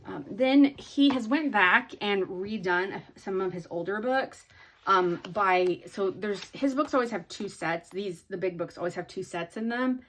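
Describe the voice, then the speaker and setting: A woman's voice: medium pitch, unhurried, a little hiss or hum. A woman chatting casually in a hobby haul video, rambling with many ums and restarts. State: sleepy, yawning. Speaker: hobby vlogger.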